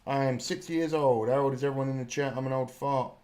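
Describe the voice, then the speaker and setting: A British man in his thirties hosts a live watch party stream, chatting, joking and laughing often with viewers while casually swearing. His mid-range voice has a darkish tone and fairly even intonation, and he talks fast.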